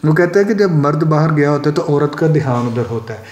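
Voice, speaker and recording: A male English teacher gives a lesson in a fairly high voice. He reads definitions slowly and says example words several times to show where the stress falls. The sound carries a clear room echo. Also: lively intonation, darkish tone, slight background noise. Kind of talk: classroom lesson explaining poetic meter. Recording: echoey room.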